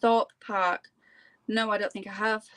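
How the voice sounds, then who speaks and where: A woman's voice: medium pitch, flat delivery, measured pace, fairly bright tone, no room sound. A woman talking casually as a guest in an interview. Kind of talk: casual chat.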